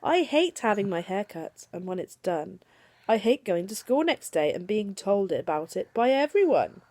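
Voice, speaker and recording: A young woman, a mother, reads picture books aloud to her little daughter, coaxing her gently between pages. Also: medium pitch, normal speed, no room sound. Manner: animated storytelling voice, coaxing and gentle with her child.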